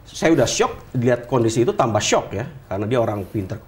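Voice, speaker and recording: A man from Indonesia, an entrepreneur, tells his story in a lively interview. His pitch swings widely as he acts out the people he quotes. He talks at a middle pitch for a man. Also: quick pace. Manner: animated, acts out quoted voices. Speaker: entrepreneur guest.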